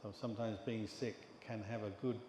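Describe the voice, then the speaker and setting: Older English monk teacher, calm measured talk, low flat voice. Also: male voice. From England. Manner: calm, measured storytelling with pauses. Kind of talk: dharma talk. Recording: echoey hall with long reverb and background noise.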